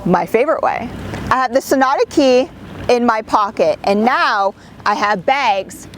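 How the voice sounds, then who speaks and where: A woman's voice: fairly high pitch, animated, unhurried, a little hiss or hum. A woman reviewing a car, chatty and enthusiastic as she walks through its features. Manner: chatty, enthusiastic, with little laughs. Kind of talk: upbeat car review walkthrough.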